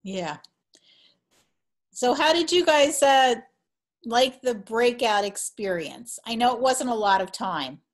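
A woman's voice: on the high side, lively intonation, takes it slowly, long pauses. A woman on a video call, leading a small group discussion in a friendly, encouraging way. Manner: friendly, encouraging, laughs easily.

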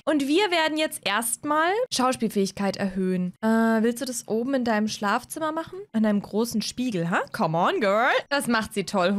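Woman let's-play host, slightly high voice, playful and chatty. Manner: chatty, playful, thinks aloud. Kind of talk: casual gameplay commentary.

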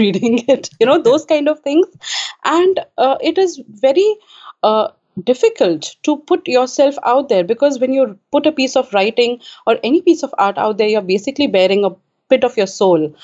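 A woman's voice: mid-range voice, darkish tone, lo-fi sound. A woman from Kuwait, an author being interviewed, speaking hesitantly with frequent filler sounds. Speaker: author and guest. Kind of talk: casual interview talk. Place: home in Richmond.

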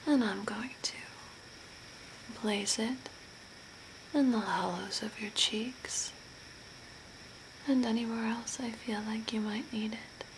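Whispering softly and breathily, a young adult woman plays an eerie, calming zombie-makeover artist for an ASMR role play, her pitch fairly high. Her pace is slow and deliberate, hushed and spooky. She records in a small room at home beside a window on a camera at arm's length, and the recording is noisy with room ambience.

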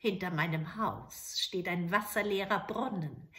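A woman's voice: on the low side, expressive, a little slow, a bit bright. A woman voicing a spiteful old witch who scolds and mocks in a storybook reading. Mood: scolding. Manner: mocking, scolding, calls him "Söhnchen".

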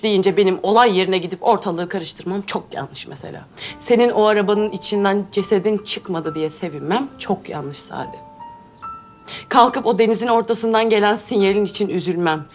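A woman's voice: mid-range voice, close to an everyday voice. An actress playing an anxious wife who reproaches her husband with bitter sarcasm. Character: anxious wife, strained nerves. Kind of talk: TV drama acting.

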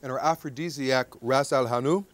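Brisk and mid-pitched, the man speaks over a noisy background. In his thirties, he runs a jokey TV cooking demo at an outdoor backyard grill, chatting away and frequently finishing with "okay?"

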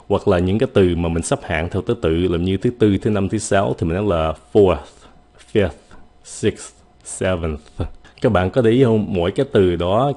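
A man giving a casual spoken lesson on English pronunciation, patiently repeating example words slowly. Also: on the low side, warm tone.

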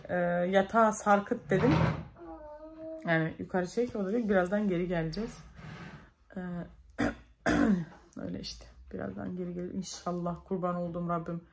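A young Turkish-accented woman speaks straight to her viewers in a casual vlog, retelling events in an emotional, breathless rush with repeated calls. Her voice sits fairly low for a woman. A faint hiss runs under the recording. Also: fairly even intonation, normal speed, vocal fry, pauses often. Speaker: vlogger.

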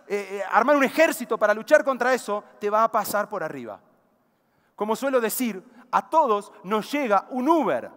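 A man's voice: extremely high pitch, a bit bright. A man with a Rioplatense Argentine accent giving a conference keynote talk, telling stories and firing rhetorical questions at the audience. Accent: Rioplatense Argentine Spanish. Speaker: keynote speaker. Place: large conference hall before a big audience. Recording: reverberant large hall.

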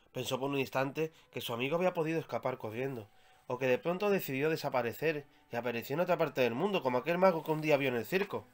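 A man from Spain reading aloud his own children's story, with measured, expressive storytelling. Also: medium pitch.

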